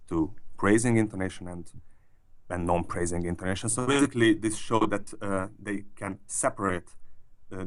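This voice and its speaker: Low-voiced man explaining research. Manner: hesitant, many restarts and fillers. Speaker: neuroscientist interviewee. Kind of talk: explanatory interview answers.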